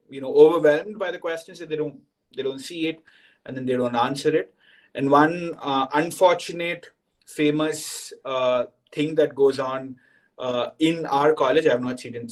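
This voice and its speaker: The audio is poor as a young man with a fairly high pitch addresses new students on a video call. He's a senior student giving an orientation talk, pausing often to ask "right?".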